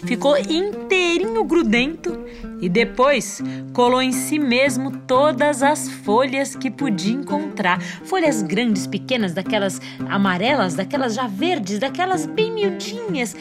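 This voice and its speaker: A woman with a Brazilian accent telling stories to children in a playful, expressive, inviting fireside storytelling manner. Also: sits high, a little slow. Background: music.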